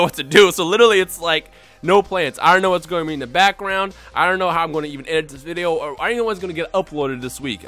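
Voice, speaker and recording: A young man from Bosnia, a YouTuber talking unscripted to his viewers in an excitable, rambling way with lots of restarts. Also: fairly high pitch. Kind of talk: unscripted casual vlog talk.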